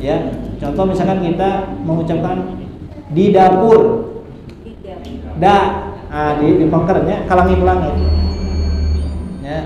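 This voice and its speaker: A man teaching correct Quran recitation, chanting verses slowly before explaining the rules. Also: high voice, steady tone. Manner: models recitation in slow drawn-out chanting, then explains. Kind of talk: teaching tajwid pronunciation. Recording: echoey hall, mic far off, faint hiss.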